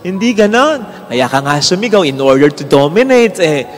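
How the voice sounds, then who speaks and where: A man, a priest, giving a sermon in Tagalog mixed with English, swinging between loud bursts and quiet asides. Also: fairly high pitch, very animated, moderate pace. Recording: long hall reverb with faint music.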